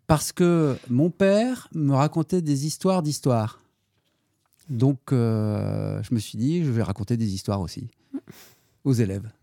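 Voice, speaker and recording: A middle-aged man, a history-geography teacher, answering students' questions in a casual interview, hesitant with many fillers and animated when telling stories. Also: mid-range voice, measured pace, creaky, no room sound, studio quality.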